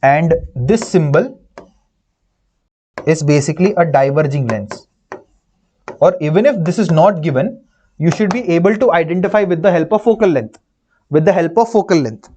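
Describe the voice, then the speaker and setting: Higher-voiced Indian man teaching physics. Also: darkish tone. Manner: repeats phrases, questions and answers himself; informal, checks understanding with tag words. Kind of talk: live online lecture, solving problems step by step.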